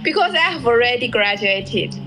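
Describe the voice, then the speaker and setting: A woman in her twenties from China with a fairly high voice, chatting in friendly, halting English. She speaks over a webcam at arm's length. Music is clearly audible behind her. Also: expressive, poor audio. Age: 20s. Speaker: video chat partner. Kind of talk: casual video chat.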